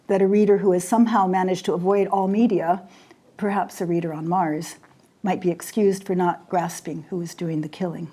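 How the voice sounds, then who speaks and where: A woman in her sixties who grew up in Jordan, a poet and scholar giving a formal lecture in a measured, deliberate way with weighty pauses. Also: fairly low pitch, warm tone. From raised in Jordan. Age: 60s.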